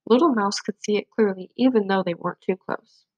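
A woman's voice: medium pitch, brisk, darkish tone, no room sound, lo-fi sound. Woman reading a children's storybook. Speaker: storybook reader. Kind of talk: reading a children's picture book aloud.

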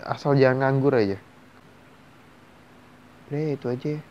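A man's voice: medium pitch, normal speed, a little mellow, slight background noise. A man, a host giving blunt, frank advice on viewers' stories in casual slang. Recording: slightly dull lo-fi recording.

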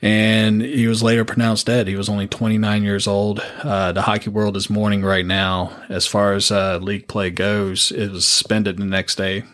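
A man's voice: fairly low pitch, flat delivery, moderate pace, hardly any pauses, fairly bright tone. A man co-hosting a casual sports podcast, talking loosely with lots of fillers and laughs between points. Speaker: podcast co-host.

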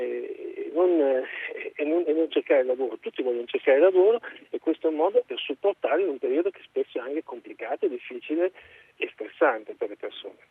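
A man calling in to a radio talk show over the phone, arguing his point earnestly and methodically. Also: on the high side. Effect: phone line. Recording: tinny phone line, husky.

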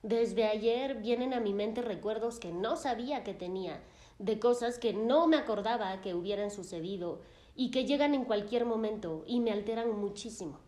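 Una mujer haciendo de un hombre angustiado. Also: female voice, a little high, mellow, echoey room, close to an everyday voice. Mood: distressed. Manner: anguished, self-blaming, halting. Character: distraught grown man, an anxious therapy patient.

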